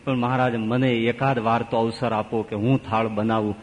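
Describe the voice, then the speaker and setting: A man voicing a timid younger sister who pleads softly in a low, hushed voice. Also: little pitch movement, normal speed, lightly acted. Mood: pleading. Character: meek, tearful younger sister, timid and longing. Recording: long reverb of a large hall.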